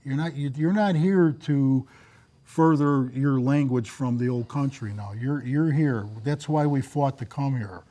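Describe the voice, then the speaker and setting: A middle-aged man, a guest on a casual talk show, telling stories in an animated, emphatic way. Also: medium pitch, unhurried. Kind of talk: casual studio chat.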